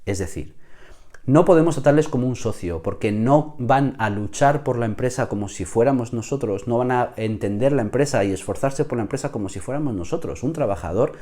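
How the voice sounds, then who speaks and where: A man with a hoarse voice, explaining business mistakes to camera as a consultant, often checking in with the viewer. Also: medium pitch, lively intonation, brisk, mellow.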